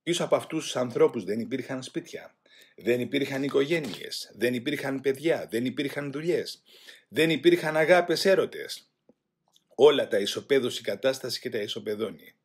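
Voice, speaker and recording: A man reading a first-person memoir aloud in a grave, measured way. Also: mid-range voice, lively intonation, slightly rough. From Greece. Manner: grave, measured, voicing shouted quotes louder. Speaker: audiobook reader.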